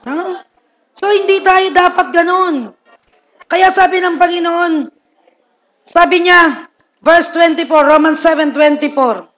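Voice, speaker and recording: A high-voiced man preaches to his congregation. He is humorous and lively, acting out everyday people's words and asking the listeners for agreement again and again. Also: slow pace, long pauses. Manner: humorous, asks the crowd "Di ba?" often; lively, acts out people's lines. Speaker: pastor. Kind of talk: sermon.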